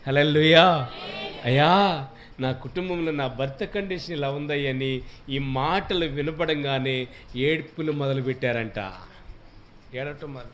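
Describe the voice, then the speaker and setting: A man's voice: fairly high pitch, measured pace, long pauses, fairly bright tone, a little hiss or hum. A man with a Telugu accent preaching a sermon in a church hall, exhorting and questioning his congregation. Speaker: pastor.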